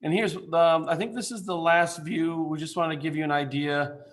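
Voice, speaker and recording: A man's voice: fairly high pitch, steady tone, moderate pace, a little hiss or hum. A man, an architect, presents a building design to a council remotely over a video call, speaking informally with many fillers and restarts.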